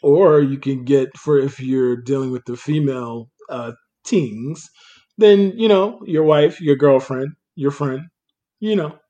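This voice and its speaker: A man's voice: mid-range voice, measured pace, warm tone, muffled recording. A man co-hosting a podcast in casual chat, laid-back and laughing often, trailing off with fillers. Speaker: podcast co-host.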